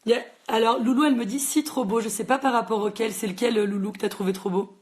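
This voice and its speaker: A quick, chatty woman chats about books on a library's livestream. Her speech pours out in a rush, full of little fillers, in a casual tone that rings out into a phone mic. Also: fairly high pitch, steady tone, a little mellow. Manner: fast-talking, chatty, lots of fillers. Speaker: librarian hosting a book chat. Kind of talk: casual livestream book chat.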